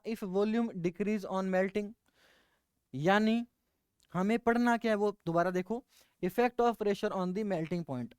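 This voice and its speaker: A man's voice: high voice, clean tone, no room sound, clean studio sound. A man teaching a chemistry lecture, asking his class questions and answering them himself. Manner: asks questions and answers them himself, calls students beta.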